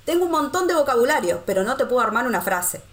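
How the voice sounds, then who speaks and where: A middle-aged woman from Argentina speaks with a Rioplatense accent and an animated, storytelling manner. She jumps into quoted lines with big leaps in pitch, and her talk is casual and chatty. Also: fast. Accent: Rioplatense Argentine Spanish. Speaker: guest, expat living in Poland. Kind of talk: casual conversational interview.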